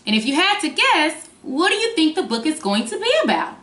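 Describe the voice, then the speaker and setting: Animated, high-pitched woman reading to young children. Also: fairly quick. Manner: sing-song, expressive, as if reading to small children; engages children with simple questions. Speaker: kindergarten teacher. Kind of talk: reading a picture book aloud to young children. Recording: roomy, echoing sound.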